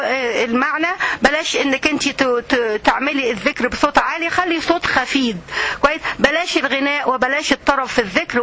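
A woman with an Egyptian Arabic accent teaches a religious lesson to women in a high, bright voice. She talks fast and stresses her points, often stopping to ask her listeners if they follow. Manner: emphatic, asks the listeners "right?" again and again.

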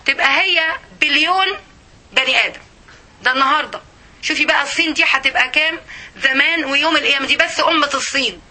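A woman with an Egyptian Arabic accent giving an emotional religious lesson to women, often pausing to check that her listeners follow. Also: high-pitched, sharp tone. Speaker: religious teacher.

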